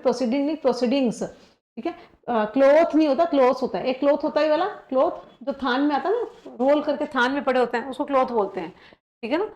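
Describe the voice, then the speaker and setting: In a reverberant space, a high-voiced woman with a darkish tone leads an exam-prep grammar class. She explains each step, frequently checks on her students, and reads the example sentences at a slow pace.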